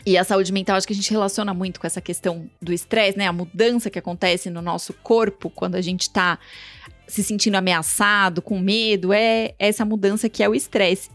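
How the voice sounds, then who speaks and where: A woman hosts a podcast and lays out her thoughts in a calm, explanatory way. The recording is dry and close, with no room sound. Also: medium pitch, no room sound. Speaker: podcast host. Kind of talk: casual chat.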